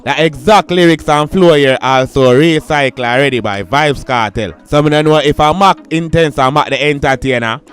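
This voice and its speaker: Jamaican guy doing dancehall commentary, chatty patois, slightly high voice, smooth and clear. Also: normal speed, few pauses, fairly bright tone. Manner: chatty patois, keeps addressing viewers as "people". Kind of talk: YouTube commentary.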